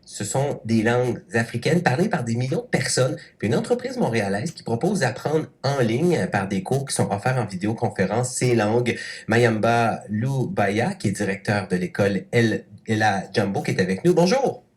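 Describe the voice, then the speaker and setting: A male radio journalist hosting an interview, asking brisk, chatty questions. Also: mid-range voice, lively intonation.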